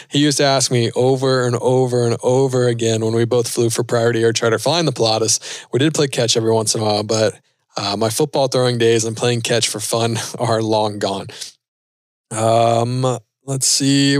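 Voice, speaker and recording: A man's voice: mid-range voice, no room sound, studio quality. A man in his thirties hosting a casual podcast, answering listener questions in an easygoing way and thinking aloud with fillers. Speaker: podcast host and pilot.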